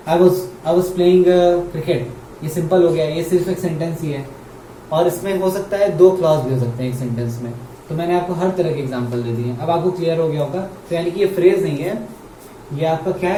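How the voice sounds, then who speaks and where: A man's voice: a little high, warm tone. A man with an Indian English accent teaching English grammar in Hindi. He repeats key words and asks his students questions. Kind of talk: explaining grammar at a board in Hindi. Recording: roomy, mic far off, faint hum.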